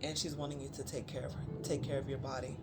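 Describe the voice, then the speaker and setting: The channeled card reading for viewers comes in a flat, medium-pitched voice against background music. Repetition carries the emphasis, and the delivery is dotted with pauses and fillers.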